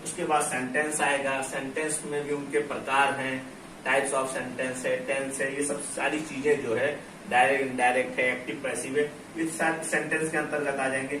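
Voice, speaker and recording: A man teaching English pronunciation and grammar, explaining slowly, repeating key words and spelling out letters. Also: mid-range voice, level tone. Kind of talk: classroom-style explanation at a board. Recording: echoey room, from a distance, faint noise.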